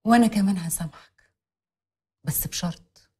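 An actress with an Egyptian accent playing a sulky young bride-to-be who turns shrill when upset. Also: female voice, moderate pace, a little mellow, slightly rough, lightly acted. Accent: Egyptian Arabic. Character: young woman, sulky fiancée, quick to shout. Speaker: bride-to-be in a comedy film. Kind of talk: Egyptian film comedy acting.

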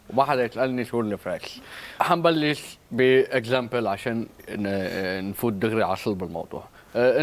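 A man's voice: medium pitch, close to an everyday voice. A man with a Lebanese accent acting a boastful, bumbling self-defense coach in a comedy sketch, tossing English words into his speech.

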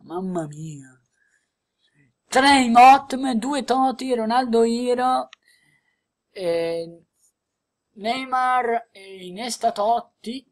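A woman giving excited gameplay commentary as she opens card packs, exclaiming and laughing often. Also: fairly high pitch. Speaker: gaming video creator.

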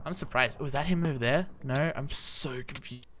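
A man with an Australian accent doing rambling, excitable gameplay commentary with a co-player, shouting when the fights get close. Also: mid-range voice, fairly quick.

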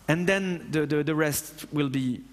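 A French man in his thirties speaks at a fairly high pitch, slowly, with a long reverb tail. On stage in a large dark auditorium after his conference talk, he answers audience questions passionately and bluntly, swearing casually.

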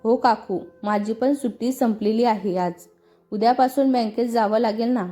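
A kind young woman who works at a bank, voiced by a woman telling a story. Her speech is gentle and soft-edged, mellow and fairly high. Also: moderate pace, soft background music, natural voice. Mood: friendly. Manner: gentle, apologetic.

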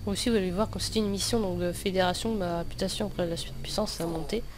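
A man's voice: sits high, steady tone, fast. Young male gamer, slushy lisped s, casual gameplay commentary, hesitant and rambling, noticeable background noise. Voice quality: lisp, slushy s sounds. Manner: hesitant, rambling, self-correcting. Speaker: gaming video host.

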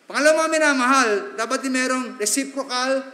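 A man preaching in a church, his voice pitched high and bright. He talks in a chatty way, tossing in quick asides and asking the congregation to agree. The sound rings out with a long, echoey reverb from the hall. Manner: preaching in mixed Tagalog and English, chatty asides and tag questions. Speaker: pastor. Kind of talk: sermon. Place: church sanctuary.

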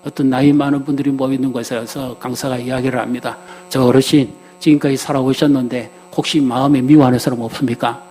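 A man's voice: mid-range voice, level tone, fast talker, few pauses, warm tone. A man preaching a sermon as pastor, telling stories and acting out the people in them. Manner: storytelling, acting out quoted people.

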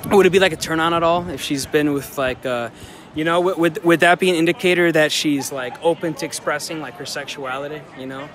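A man's voice: fairly high pitch, fairly quick, fairly bright tone. Young guy doing street interviews on campus, laid-back probing questions, handheld recorder. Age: young adult. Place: outdoors on a college campus. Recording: outdoor crowd and background noise.

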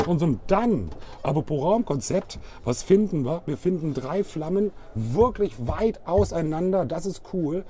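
Touring caravans at a trade fair hall and then inside one, a middle-aged vlog host chats colloquially as if showing a friend around, addressing the viewer directly. His voice is a little high yet soft-edged and relaxed. He wears a wireless clip-on microphone for this casual walk-through product presentation.

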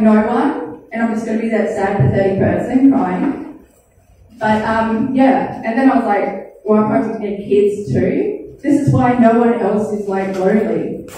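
A woman performs rambling, crude, self-deprecating stand-up at a small comedy club, frequently cracking up at her own jokes. Her voice sits on the high side and sounds mellow. Captured from the audience through a handheld stage mic, the sound is distant and echoey, with faint room ambience and slight background noise.

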